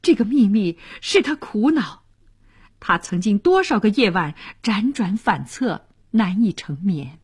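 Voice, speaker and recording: A woman narrating a radio story in an expressive, dramatic way. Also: medium pitch, unhurried, slightly rough.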